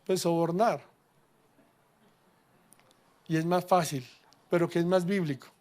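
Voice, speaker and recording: A middle-aged man, preaching a lively sermon with humor and questions to the congregation. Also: on the high side, unhurried. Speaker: pastor.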